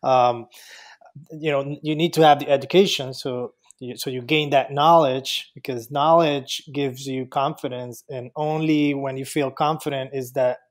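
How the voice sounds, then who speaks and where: A man hosting a podcast interview, talking loosely with halting restarts. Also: mid-range voice, steady tone. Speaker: podcast host. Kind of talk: casual interview chat.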